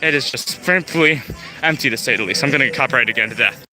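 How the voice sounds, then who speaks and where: The speaker is a young male vlogger with a mid-range voice and quick pace, livestreaming outdoors on a handheld phone as he walks through a theme park. He rambles casually, fills his speech with fillers, and sounds winded, all over loud park music.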